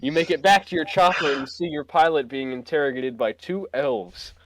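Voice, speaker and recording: A man's voice: on the high side, normal speed, no room sound. A man playfully reading an AI text adventure aloud, sometimes laughing. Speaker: player narrating.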